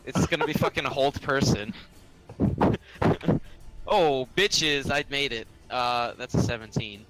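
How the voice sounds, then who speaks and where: A man's voice: medium pitch, measured pace, over music, rough recording. A man playing a tabletop role-playing game, joking around and swearing casually. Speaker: player.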